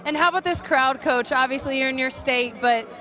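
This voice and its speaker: A woman's voice: high voice, a little fast. A woman working as a sideline reporter, conducting a live post-game interview on an outdoor football field. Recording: loud stadium crowd behind, outdoors.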